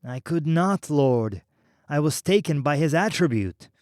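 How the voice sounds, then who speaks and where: Dutiful servant, man voicing: plain, respectful, slow. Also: fairly high pitch, animated, darkish tone, no room sound, studio quality.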